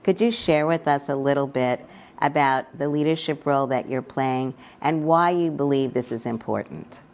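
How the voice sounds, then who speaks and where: A woman with a strikingly deep voice moderates a panel discussion. She explains in measured phrases, with halts between them. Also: a little mellow.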